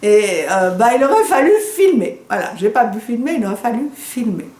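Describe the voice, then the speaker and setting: French woman, physician-trainer, animated storyteller, roomy echo. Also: fairly high pitch, moderate pace. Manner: lively, animated storytelling with quoted dialogue. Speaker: doctor and trainer. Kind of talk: storytelling lecture. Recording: echoey room.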